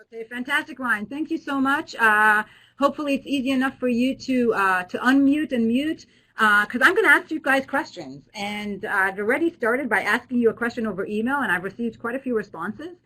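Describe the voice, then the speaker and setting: A woman's voice: a little high, brisk, pushed and bright, low-quality recording. A woman professor who grew up in Israel, hosting an online alumni webinar in a friendly way with many fillers and restarts. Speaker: business school professor.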